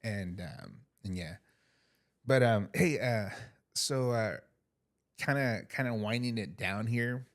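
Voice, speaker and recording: A man hosts a casual podcast chat, hesitating and circling before he asks his question. His voice sits a little low with a gravelly rasp. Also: slow pace. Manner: loose and hesitant, lots of ums and uhs. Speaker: podcast host.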